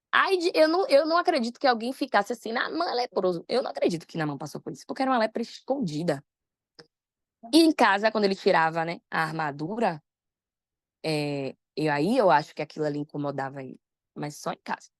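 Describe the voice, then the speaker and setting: A woman with a Brazilian Portuguese accent delivers a live sermon as personal testimony. Her voice sits fairly low, and she acts out what people said in an animated way. The sound is dry and close, with no room echo. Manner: animated, personal storytelling with quoted dialogue. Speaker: preacher.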